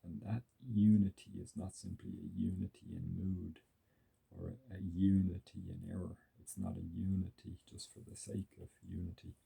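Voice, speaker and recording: A man giving earnest, reflective religious commentary, stacking words for emphasis and pausing with small fillers. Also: low-pitched, level tone, creaky, dark tone, slightly rough, rough recording.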